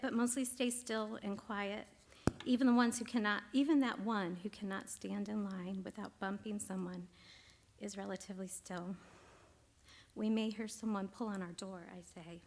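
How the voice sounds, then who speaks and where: A middle-aged woman reads her own essay to a synagogue congregation. Her delivery is quiet and measured, sinking at times almost to a whisper. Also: mid-range voice, vocal fry. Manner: quiet, measured reading that drops to near whispers. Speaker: congregation member and teacher. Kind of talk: reading a personal essay aloud. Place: synagogue sanctuary.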